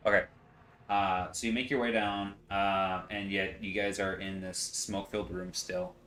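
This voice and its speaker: Running a tabletop game, a man narrates as game master in a relaxed way, leaning heavily on fillers. His voice is low and moderately paced, recorded with a roomy echo and faint music behind.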